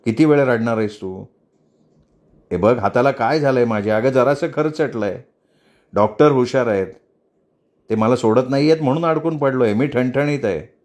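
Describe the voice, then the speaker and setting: A man voicing a calm, respected hero who speaks low and reassuring in a Marathi audiobook reading. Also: normal speed, long pauses, natural voice.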